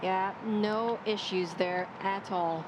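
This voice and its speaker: A woman's voice: medium pitch, steady tone, slow, noisy background. A woman giving live golf analysis as a co-commentator.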